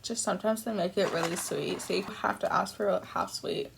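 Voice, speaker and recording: A young woman rambles casually to her viewers between bites of food. Her medium-pitched voice often drops into creaky fry. She is self-deprecating and swears offhandedly, with faint noise behind her. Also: steady tone, normal speed. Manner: talking between bites while eating. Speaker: mukbang vlogger. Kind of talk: casual eating-video chat.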